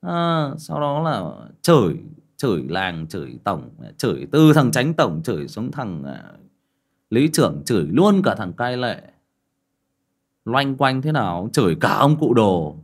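A man's voice: mid-range voice, a little slow. A man telling a rambling story in a casual, blunt way and speaking straight to his listeners. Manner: rambling, blunt and expressive, addresses listeners directly.

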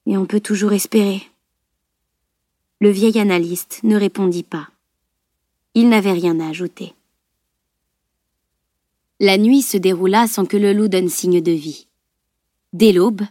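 A woman reading a novel aloud as audiobook narrator, in a measured, even storytelling voice. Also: mid-range voice, no echo, studio quality.

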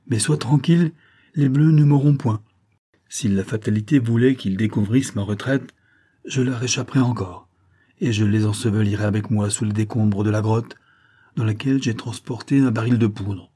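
Outlawed nobleman read by a man, grave, resolute, warm husky voice. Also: fairly low pitch. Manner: earnest, solemn letter reading. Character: proscribed young nobleman, desperate and resolute.

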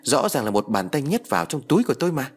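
A man's voice: mid-range voice, sing-song, quick pace, husky, voice pushed up. Frightened stammering village husband for a storybook reading, a man acting him out; raised, strained voice. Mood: shaken. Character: panicked middle-aged village man.

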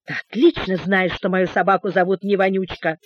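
A woman's voice: mid-range voice, steady tone, moderate pace, no room sound, lightly acted. A woman voicing a cranky, spiteful housekeeper who scolds indignantly, raising her voice. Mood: scolding. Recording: dull, dry recording.

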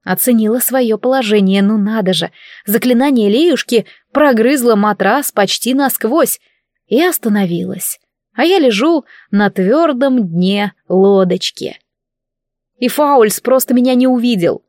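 A woman narrating a fantasy novel in first person, with an ironic, lively telling. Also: on the high side, unhurried, no room sound, studio quality. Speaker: audiobook reader. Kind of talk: scripted narration.

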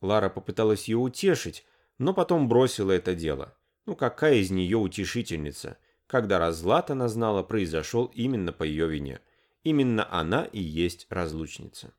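A man narrating an audiobook novel in an expressive reading style. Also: low voice, normal speed.

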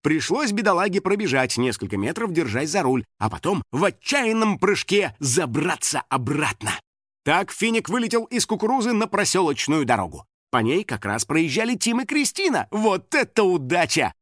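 Animated man narrating a children's audiobook. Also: on the high side, moderate pace, dry recording, studio quality. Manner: expressive, animated storytelling.

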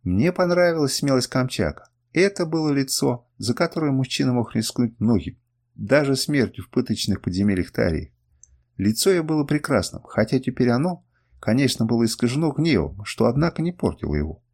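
A man narrating a first-person adventure audiobook in an expressive reading. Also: medium pitch, fairly quick, slightly rough. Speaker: audiobook reader.

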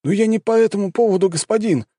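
A man's voice: sits high, quick pace, warm tone, no room sound, clean studio sound, pitched above the performer's own voice. A man voicing a frightened young soldier who pleads with his healer in a flustered way. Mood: pleading.

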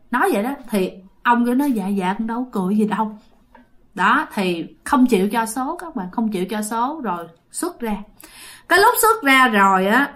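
A woman telling a ghost story casually, chatting directly to her listeners. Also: fairly high pitch. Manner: chatty, addresses listeners, animated.

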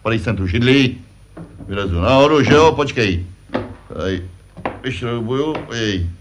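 Against a noisy background, a medium-pitched male puppet performer uses lively intonation and light acting to voice a self-important father puppet. In this vintage comedy sketch the know-it-all lectures his son, peppering his speech with "že jo".

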